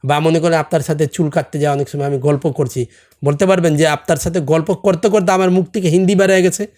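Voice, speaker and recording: A man's voice: a little high, fairly even intonation, quick pace, a little mellow. A middle-aged man with a non-native Bengali accent and Hindi as his first language, a podcast guest talking casually and earnestly, often pressing his point with rhetorical questions. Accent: non-native Bengali, from a Hindi-speaking camp community. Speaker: podcast guest, salon owner. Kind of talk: casual chat.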